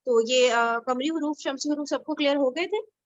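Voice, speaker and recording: A woman's voice: high-pitched, muffled recording. A woman from Pakistan leading an online Arabic grammar study group, explaining patiently and often checking that everyone understands.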